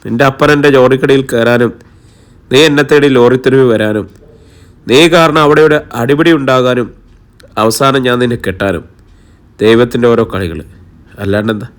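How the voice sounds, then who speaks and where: A man reading an audiobook, voicing a rough man who has grown tender, speaking low and subdued. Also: normal speed, long pauses, lightly acted. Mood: reflective. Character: rough but softening man, a former tough.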